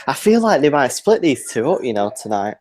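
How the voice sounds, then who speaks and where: A man's voice: medium pitch, sing-song, fairly quick, a little mellow. A man co-hosting a live reaction stream in casual chat, laughing often and teasing his friend.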